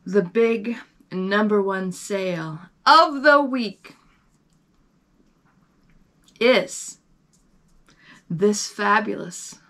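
A woman putting on a snobby, posh voice to announce a luxury sale, drawing her words out slowly. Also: medium pitch, fairly bright tone.

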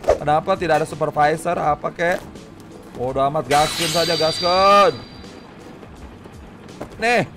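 A young man does casual gameplay commentary. He is playful and slangy, with exclamations and repeated words, and game music plays clearly behind him. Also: on the high side, unhurried, long pauses. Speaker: gamer, video host.

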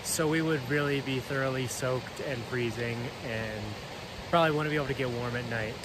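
A hiking vlogger in his thirties narrates casually into a phone held at arm's length, using plenty of fillers and restarts. His mid-range voice moves at a moderate pace against a noisy background, first outdoors on a mountain trail and later inside a room.

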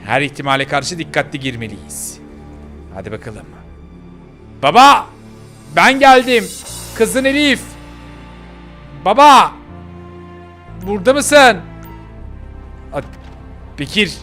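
A man's voice: mid-range voice, wildly swooping pitch, normal speed, pauses often, bright, forceful tone, faint music behind, voice pushed down. A man voicing a brave, determined young girl in a game role-play, bossy and urgent as she scolds her companion. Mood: tense.

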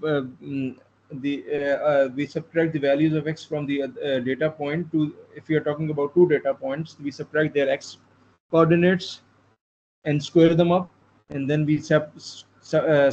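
Guy teaching a class, lots of uhs and restarts, mellow tone, muffled lo-fi audio with faint hiss. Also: a little high. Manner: halting, many fillers and restarts, explains patiently. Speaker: lecturer. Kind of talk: live online lecture. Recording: dull lo-fi sound with faint noise.

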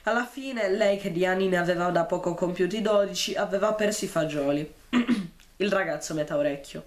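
A man reading a novel chapter aloud and then discussing it, with frequent "eh" fillers and throat-clearing. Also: high-pitched, a little fast. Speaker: book reader and commentator.

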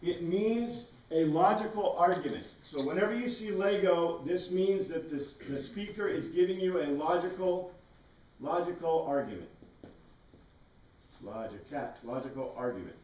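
A middle-aged American teacher speaks at normal speed in an animated, high-sitting voice with a darkish tone, rambling through a casual lecture and questioning his class. The audio is dull, picked up by a distant camera across a small classroom with a whiteboard and bookshelves. The room echoes and background noise comes through.

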